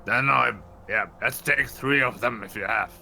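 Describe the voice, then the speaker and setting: Man player, sharp gravelly voice. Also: mid-range voice, moderate pace, a little hiss or hum. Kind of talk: casual play.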